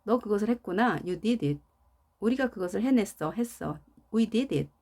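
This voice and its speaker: A woman teaching English grammar in a lesson, modeling each example sentence slowly and deliberately for learners to repeat. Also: mid-range voice, animated, darkish tone. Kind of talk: slow instructional lesson.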